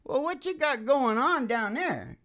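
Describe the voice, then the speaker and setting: Here a middle-aged man's very high, animated voice comes across bright and forceful, unhurried as he chats between songs while hosting a live show. Opinionated and folksy, he drifts from topic to topic and often tosses in "right?". The setting is a small, dim room, with a stand mic close to his mouth and acoustic guitar playing behind him.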